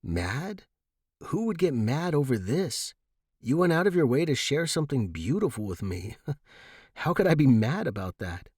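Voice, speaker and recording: A man voicing a shy young man, gentle and reassuring, in a storybook reading. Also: mid-range voice, very animated, measured pace, slightly rough, dry recording, studio quality, pitched above the performer's own voice. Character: shy, easygoing young man lost underground.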